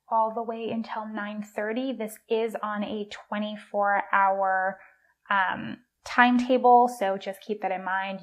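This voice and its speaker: Upbeat woman chatting through a review. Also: mid-range voice. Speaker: planner reviewer. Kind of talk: casual product review walkthrough.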